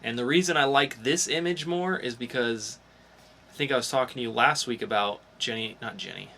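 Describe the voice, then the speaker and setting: A podcast co-host chats enthusiastically about entertainment news in an informal, fan-like way. His medium-pitched voice is a little fast, pushed and bright, with slight hiss or hum on the recording.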